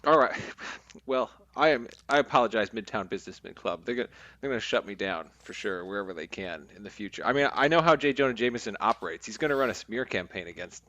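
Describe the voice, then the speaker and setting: A man co-hosting a podcast, his pitch bouncing around a lot as he jokes and plays mock-defensive. The sound is dry and close, with no room at all. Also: lively intonation, fast talker, bright, forceful tone, dry recording. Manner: playful, mock-defensive joking. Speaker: podcast co-host. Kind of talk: casual podcast chat.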